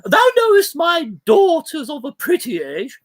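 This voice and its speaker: A stately noblewoman speaks with composed, formal persuasion, played by a woman. The voice is very high, the pace slow and deliberate, as in a staged reading of a classic play. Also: huge pitch swings, heavily acted. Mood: commanding.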